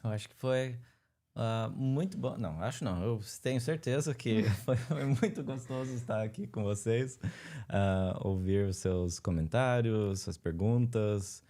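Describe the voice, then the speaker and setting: A young man co-hosting a live chat, relaxed and dropping English fillers into his Portuguese. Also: on the low side, measured pace. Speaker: co-host.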